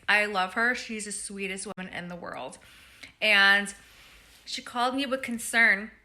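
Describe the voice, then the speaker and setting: A woman's voice: medium pitch, sharp tone. A young woman, a dietitian, chatting casually and upbeat in a vlog about her day and the food she loves. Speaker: registered dietitian vlogger.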